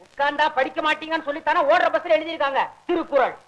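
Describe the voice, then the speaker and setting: An actor playing a cheeky young son who teases his father with quick, mocking remarks. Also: very high-pitched, steady tone, a bit bright, muffled recording. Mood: teasing. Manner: teasing, quick, mocking with laughter. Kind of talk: 1960s film comedy acting.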